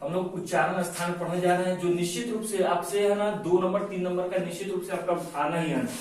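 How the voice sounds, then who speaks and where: A man teaching Hindi grammar in a lecture, forever adding "है ना" and slowing down to dictate notes. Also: sits high, fairly even intonation, darkish tone. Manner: repeats the tag "है ना" constantly, slows to dictate notes. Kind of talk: classroom lecture, explaining and dictating. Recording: very echoey room, from a distance, faint noise.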